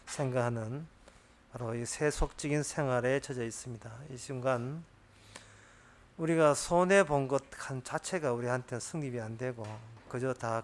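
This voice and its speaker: A pastor with a mid-range voice prays earnestly and quietly with his congregation at a church service, letting each phrase fade away as it ends.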